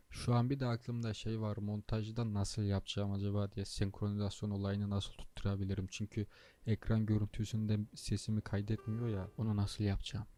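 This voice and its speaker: A man's voice: fairly low pitch, mellow. Tired young man grumbling over gameplay. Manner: tired, grumbling at traffic, swears under his breath. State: tired, low on energy. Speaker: gaming channel host. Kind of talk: casual gameplay commentary.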